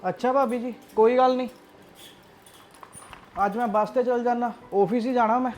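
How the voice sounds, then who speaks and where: Guy doing a calm polite young punjabi brother, mild voice, faint music. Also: very high-pitched, moderate pace. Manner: mild, placating.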